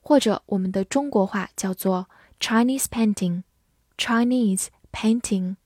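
A woman teaching English vocabulary in a scripted lesson. She spells words letter by letter and reads example sentences slowly. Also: medium pitch, darkish tone, no room sound, studio quality.

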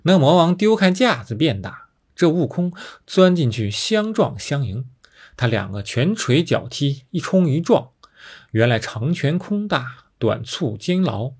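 A man narrating a classic novel with expressive, dramatic storytelling. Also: a little high, measured pace, slightly rough.

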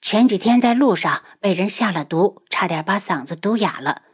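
A woman voicing a proud young martial woman whose voice is hoarse from poison, in an audiobook. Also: medium pitch, expressive, moderate pace. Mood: bitter. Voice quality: husky, hoarse. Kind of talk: audiobook character voice.

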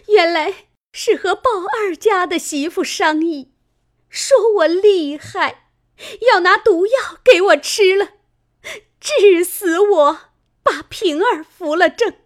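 A woman voicing a fierce, jealous young noblewoman in a dramatized novel reading, with shrill, sobbing, rapid scolding. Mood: wailing.

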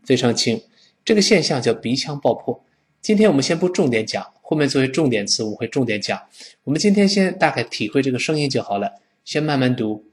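A man teaching English pronunciation with a Mandarin Chinese accent, modelling sounds in a lively, demonstrative way. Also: mid-range voice. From China. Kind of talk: recorded language lesson.

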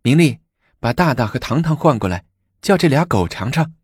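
A man's voice: mid-range voice, expressive, normal speed, a little mellow, husky, no echo, studio quality, voice pushed up. A male storyteller voicing a scheming young empress, speaking in a coaxing yet commanding way in a storybook reading.

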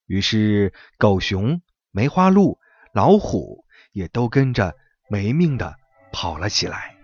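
A man narrating a bedtime story for children in a gentle, expressive, lively way. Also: lowish voice, slow, breathy edge. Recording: muffled recording with soft background music.

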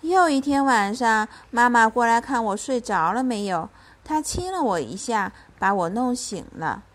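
Woman reading a gentle bedtime story. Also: a little high, lively intonation, normal speed. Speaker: mother telling a bedtime story.

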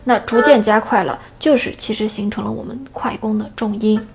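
A woman teaching an erhu lesson in a casual, step-by-step way, often checking in with a quick question. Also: medium pitch, steady tone, gravelly, loud music behind the voice. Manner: explains step by step with tag questions.

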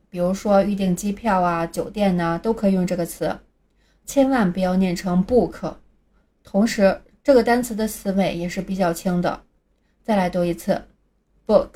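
A woman reads a scripted pronunciation lesson in a mellow, warm voice at a middling pitch. She speaks clearly and deliberately and spells words out slowly, letter by letter. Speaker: English pronunciation teacher.

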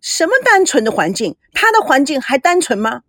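Female reader as a scornful, hot-tempered young actress in an audiobook, lively pitch. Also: fairly quick, no room sound. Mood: angry.

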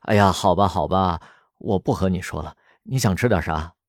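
A man's voice: low voice, normal speed, no room sound, clean studio sound. A man voicing a sheepish, joking young man who likes to banter, in a storybook reading.

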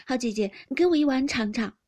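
A woman voicing a playful teenage boy who wheedles and pleads eagerly and loudly in a storybook reading. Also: sits high, lively intonation, fairly quick. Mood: wheedling.

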